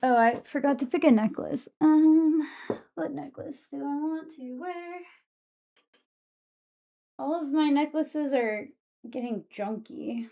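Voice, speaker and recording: Woman, livestreamer, slowish pace, sibilant S sounds, casual and sweary, self-deprecating, somewhat dull muffled microphone. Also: sits high, gravelly. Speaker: streamer. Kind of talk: casual livestream chat with viewers. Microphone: streaming microphone with EQ and compressor.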